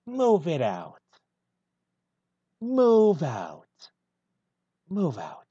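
A man voicing a gruff, brooding male hedgehog antihero in a one-take fan reading of a film script, deadpan and husky. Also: medium pitch, extremely slow, no room sound, dull audio, full character voice.

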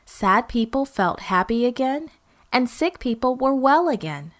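A woman's voice: a little high, big pitch swings, a little slow. A woman telling a children's Bible story, speaking expressively and directly to young listeners.

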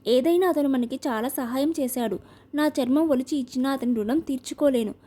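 A woman's voice: high voice, fairly quick, warm tone. A woman voicing a fretful, fond old grandmother in an audio novel, coaxing and chiding.

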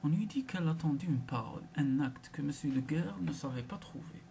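A woman narrating a classic literary short story in a hushed, half-whispered manner. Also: sits low, expressive, brisk, gravelly, slight background noise. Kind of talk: literary audiobook reading.

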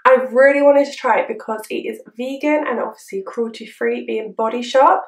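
A woman's voice: on the high side, moderate pace, distant mic. A young woman with a chirpy, perky manner, chatting casually to camera as a beauty vlogger reviewing a product. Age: young adult. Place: small room indoors. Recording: roomy indoor echo.

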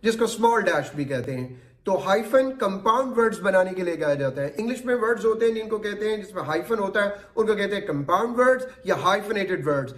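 A man's voice: high voice, lively intonation, quick pace. A man with a Pakistani accent teaching a classroom lecture, explaining English terms in Hindi-Urdu mixed with English. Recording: roomy sound from a distance.

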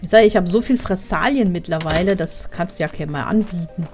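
A woman's voice: on the low side, a little fast, darkish tone, soft background music. A woman streaming a game, chatting casually and thinking aloud as she plays, speaking into a headset. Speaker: let's play streamer. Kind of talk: casual gameplay commentary.

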